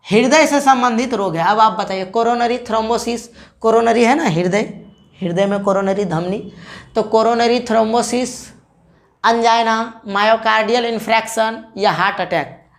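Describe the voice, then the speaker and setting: A woman teacher giving an exam-prep lecture, drilling students with quick questions and answers and repeating key terms. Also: fairly high pitch. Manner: repeats key terms, self-corrects mid-word.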